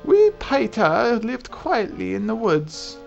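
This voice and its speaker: A man voicing an old hag, a haughty, cranky female plant sage from a video game, with an affected old-lady voice and drawn-out, theatrical delivery. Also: high-pitched, very animated, vocal fry, highs cut off, soft background music, pitched above the performer's own voice, exaggerated voice. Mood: approving, solemn. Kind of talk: reading video game dialogue aloud in character.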